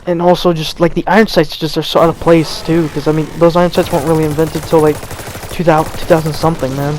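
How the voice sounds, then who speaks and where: Young male gaming host, fairly high voice, rambling unscripted rant, stammers and restarts, a bit cold, faint background noise. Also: flat delivery, fast, a little mellow. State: cold, stuttering. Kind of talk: unscripted gameplay commentary rant.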